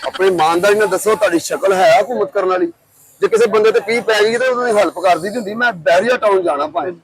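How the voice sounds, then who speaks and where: A man's voice: sits high, quick pace, poor audio. A man with a Punjabi accent from Pakistan, doing a street prank, pleading for money, then teasing with insults. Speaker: prank comedian.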